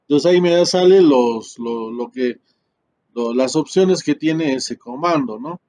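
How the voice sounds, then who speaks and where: A man's voice: medium pitch, measured pace, a little mellow. A man teaching a class through a screen-share tutorial, talking in a chatty way with many fillers and tag questions.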